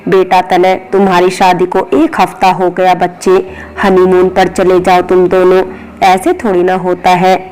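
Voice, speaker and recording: A woman's voice: lowish voice, darkish tone, lightly acted, low-quality recording. A woman voicing an affectionate older mother-in-law in a spoken story, coaxing and loving.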